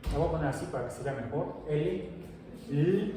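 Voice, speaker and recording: A man's voice: a little high, lively intonation, normal speed. A middle-aged man with a Mexican Spanish accent, lecturing a class and slipping into chatty anecdotes. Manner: chatty, digressive storytelling. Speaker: teacher. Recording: roomy echo, distant mic, faint noise.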